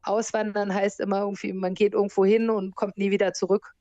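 A woman in her forties, born in America and raised in Germany, talking about her life abroad in a relaxed interview and laughing now and then. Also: mid-range voice, a little fast, no room sound, highs cut off. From born in the US, grew up in Germany. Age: 40s. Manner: lively, laughs often while telling stories. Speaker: interview guest, surf instructor and hostel owner.

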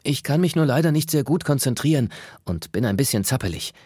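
A man's voice: medium pitch, animated, brisk, darkish tone, breathy edge, no echo, studio quality, voice pushed up. A man reading a fidgety animal in a children's story who cannot sit still. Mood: apologetic.

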